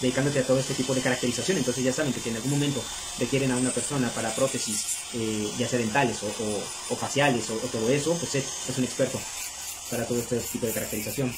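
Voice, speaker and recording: Fast-talking man with background noise. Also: medium pitch, steady tone. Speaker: video host. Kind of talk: casual explanatory talk to viewers.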